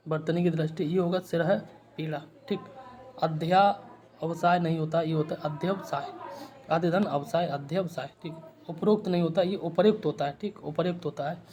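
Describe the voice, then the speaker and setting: A man with a fairly high voice teaches Hindi spelling one word at a time. He spells letters out slowly and checks in after every point. A faint hiss of background noise sits under his voice. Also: darkish tone. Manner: explains word by word, repeating "ठीक" after each point.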